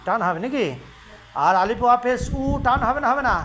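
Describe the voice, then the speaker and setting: A man's voice: extremely high pitch, noisy background. Man patiently drilling a child's reading. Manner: drills sounds slowly, asks checking questions. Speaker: Quran reading teacher. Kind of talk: patient call-and-response tutoring.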